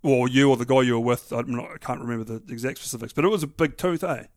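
Kiwi guy hosting a chat, normal pitch, matey, lots of slang, real informal. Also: quick pace. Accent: New Zealand. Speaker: interviewer, show host. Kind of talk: casual chat.

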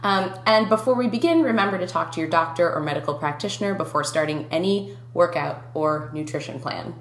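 A young Minnesotan woman hosts a casual podcast, chatty and quick to laugh. Her voice sits a little low and carries some roominess around it. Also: reverberant. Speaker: podcast host.

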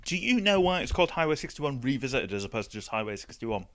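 A man's voice: medium pitch, sing-song, fast talker, a bit bright, no room sound. A man co-hosting a podcast, throwing in dry, teasing remarks. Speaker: podcast co-host. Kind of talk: casual chat.

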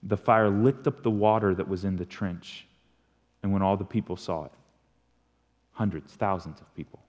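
A man preaching a sermon as a pastor, telling the story with animated swings from loud emphasis to hushed delivery. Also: low voice, moderate pace. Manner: animated storytelling preacher, rising and falling in volume. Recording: long reverb of a large hall.

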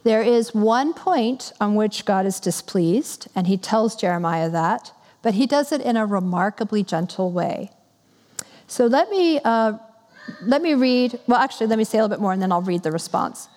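A woman giving a sermon, reading scripture and then talking it through in a conversational, gently earnest way. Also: mid-range voice, lively intonation, normal speed. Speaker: preacher. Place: church. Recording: long reverb in a hall.

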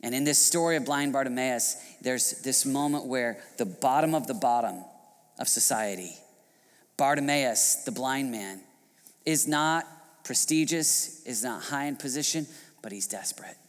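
A man's voice: medium pitch, unhurried. Man preaching in a reverberant hall. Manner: swings from hushed to loud, shouting when acting out quotes. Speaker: pastor. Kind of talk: sermon. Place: church hall.

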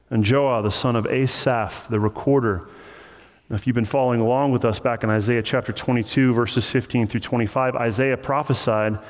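A man preaching a sermon as pastor, teaching through scripture in a casual, conversational way with joking asides. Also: on the low side. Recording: long reverb of a large hall.

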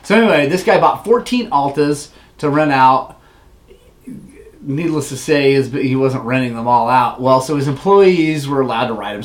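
A man hosting a casual livestream who rambles through a story, laughs often and reads viewer comments aloud. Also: mid-range voice. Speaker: livestream host.

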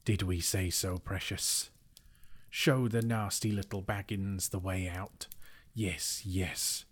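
A man's voice: deep voice, steady tone, husky, heavily acted. A man doing Gollum, a hissing slimy creature. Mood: sly. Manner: hissing, whispery, drawn-out words. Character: slimy hissing cave creature, sly and sulky.

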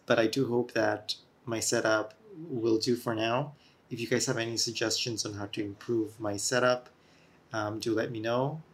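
A man speaks at a middling pitch in an earnest, lecturing tone, laying out points like a solo podcast host. His voice comes through a camera-mounted mic with a hollow, echoing, tunnel-like sound and a touch of feedback. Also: a bit bright. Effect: echoey tunnel-like sound with feedback.

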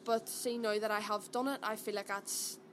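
With a mid-range, fairly bright voice, fairly even intonation, and a moderate pace, a young Derry woman casually chats about a play she's acting in. Her Northern Irish speech is colloquial and sprinkled with "aye" and "like", and the recording carries clearly noisy background ambience.

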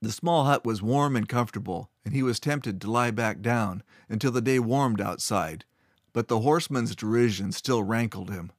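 A man narrating a fantasy story in a steady, measured way. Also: medium pitch, no echo, studio quality.

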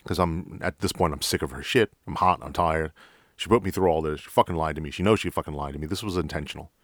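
A man's voice: a bass voice, fast talker, no room sound, clean studio sound. A man with a New York accent, a police officer hosting a podcast, telling stories in a blunt, profane, direct way. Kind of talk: casual storytelling.

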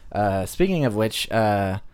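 A man's voice: on the low side, expressive, a little slow, a little mellow, smooth, dry recording. A man co-hosting a casual movie podcast, upbeat and teasing. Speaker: podcast co-host. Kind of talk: casual chat.

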